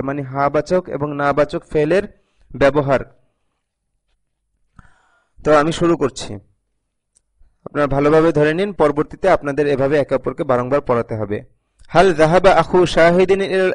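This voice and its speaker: A male teacher giving a recorded video lesson, patiently reading sentences aloud and translating each one, often repeating them. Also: fairly high pitch. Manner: reads each sentence, then translates it line by line; patient, repeats phrases for learners. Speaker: Arabic teacher.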